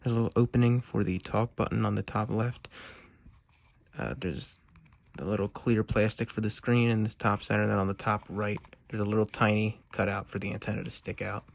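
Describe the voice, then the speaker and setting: Fairly low in pitch, level in tone and brisk, this man's voice comes from a homemade video in which he rambles hesitantly through an unscripted, casual product review at an indoor desk. Background noise is clearly audible.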